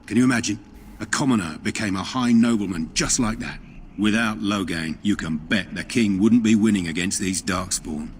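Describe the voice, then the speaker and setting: Low-voiced male game guard, chatty and conspiratorial. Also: moderate pace, a little hiss or hum, natural voice. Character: gossipy adult male camp guard, loyal soldier. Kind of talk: video game voice acting.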